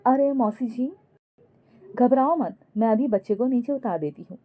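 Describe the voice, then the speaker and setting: A woman voicing a kind young daughter-in-law who speaks briskly and reassuringly in a storybook. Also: a little high, animated, mellow, rough recording.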